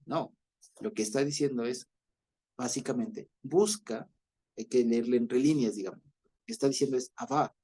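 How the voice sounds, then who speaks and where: A man with an Ecuadorian accent teaching a Bible study, explaining slowly and often checking that his listeners follow. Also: medium pitch, warm tone, slightly rough. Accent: Ecuadorian Spanish. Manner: explanatory, repeats himself with many fillers and checks for understanding. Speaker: preacher.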